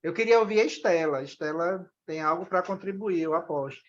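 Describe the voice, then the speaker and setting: A man's voice: sits high, brisk. Man, film club moderator, hesitant with restarts, dull lo-fi recording. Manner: hesitant, restarts, many "né?" tags. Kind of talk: post-screening discussion.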